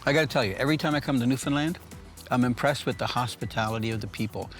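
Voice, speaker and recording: A man's voice: medium pitch, very fast, soft background music. A man hosting a fishing show, chatting casually and teasing his guest over a meal. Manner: joking, teasing, talks while eating.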